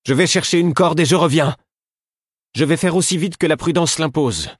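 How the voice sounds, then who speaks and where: A man's voice: fairly high pitch, moderate pace, slightly rough, no room sound, studio quality, voice pushed up. A man voicing a brave, commanding queen in an audiobook, calling out urgent instructions. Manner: urgent, directive calls.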